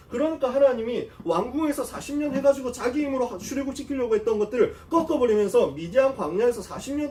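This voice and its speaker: A man preaching to a church youth group in a casual, animated storytelling way, acting out the quotes, heard from a little away from the microphone. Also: very high-pitched, recorded from a distance, slight background noise. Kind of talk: sermon.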